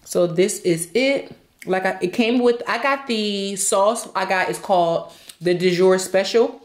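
At home indoors, a young woman vlogger chats casually while eating, sometimes with her mouth full. She has a medium-pitched voice and talks a little slowly. The roomy, distant recording carries a little hiss or hum.

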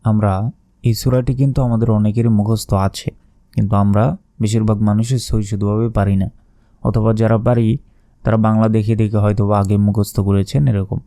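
A man with a Bangladeshi Bengali accent teaching Quran pronunciation, explaining each sound and then slowly drawing out the recited words. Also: lowish voice, little pitch movement, dark tone, no room sound, clean studio sound. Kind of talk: spoken lesson with slow recited phrases.

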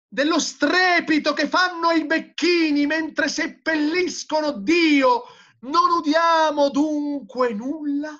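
A man's voice: very high voice, expressive, takes it slowly, bright, forceful tone, voice pushed up, full character voice. A male teacher reading aloud as a frantic madman who cries out in anguished declamation, on a dull lo-fi recording. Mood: despairing. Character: frantic male madman crying out that God is dead.

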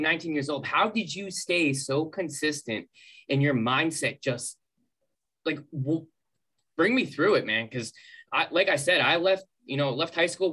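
Bright-voiced male interviewer, from a distance. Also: on the high side, breathy edge. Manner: encouraging, prompts the guest. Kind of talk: casual interview.

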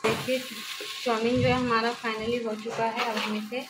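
A woman's voice: fairly high pitch, level tone, moderate pace. A woman vlogger in her forties, casually talking through a recipe step by step in her home kitchen, filmed on a phone. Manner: plain, homely instructions. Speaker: cooking vlogger. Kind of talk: casual step-by-step cooking narration. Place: home kitchen with gas stove. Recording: loud kitchen noise. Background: frying and stirring sounds.

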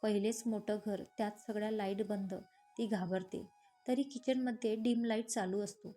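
A woman narrating a romance story with a steady, expressive reading. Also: mid-range voice, moderate pace, faint music behind.

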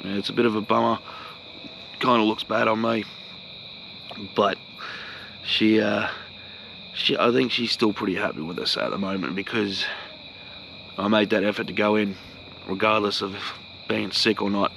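A man's voice: on the low side, steady tone, moderate pace, creaky, sharp tone, slight background noise, poor audio. A young man talking casually in a vlog, sick and short of breath, rambling and laid-back. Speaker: vlogger.

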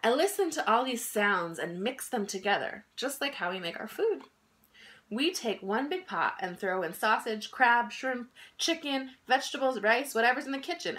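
In a small room at home, a woman in her thirties reads a children's picture book aloud with an expressive, emphatic storytelling style, her voice at medium pitch.

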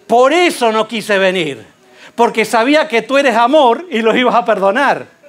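Predicador de voz alta contando la historia con ganas, preguntas al público todo el rato. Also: male voice, extremely high pitch, normal speed. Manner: animated storytelling, rhetorical questions. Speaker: preacher. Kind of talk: sermon.

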